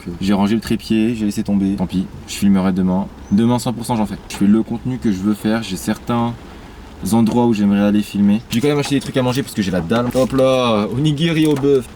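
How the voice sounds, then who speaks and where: A young man vlogging casually to camera outdoors, slangy and joking as he tastes food, swearing freely. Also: lowish voice. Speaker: travel vlogger. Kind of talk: casual vlog chat to camera. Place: outdoors in the rain. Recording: loud rain and outdoor noise. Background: rain and passing traffic.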